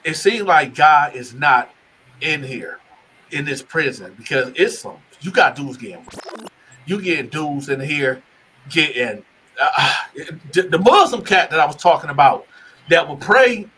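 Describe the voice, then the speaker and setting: Bright-voiced man telling a rambling story. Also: fairly high pitch, animated, a little slow, slight background noise, poor audio. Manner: rambling, restarts and repeats words. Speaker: guest telling his life story. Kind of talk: casual storytelling interview.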